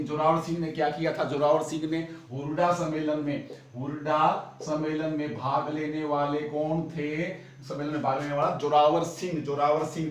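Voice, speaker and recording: A young man teaching a fast exam-prep lesson, asking questions and answering them himself, urging his students on like an older brother. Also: on the high side. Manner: drills with repeated questions and answers; urging, brotherly pep talk. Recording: echoey room, distant mic.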